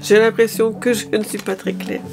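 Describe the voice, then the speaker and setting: A woman's voice: medium pitch, level tone, moderate pace, music in the background. Tired, hesitant French-speaking woman. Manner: hesitant, many fillers and restarts. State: a little tired. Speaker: lifestyle vlogger. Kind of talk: casual haul video chat.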